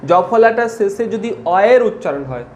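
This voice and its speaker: A man with a fairly high voice teaches spelling and pronunciation rules. He repeats each rule slowly and keeps asking questions to check his students follow. A faint hum of room noise sits underneath. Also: lively intonation, echoey room.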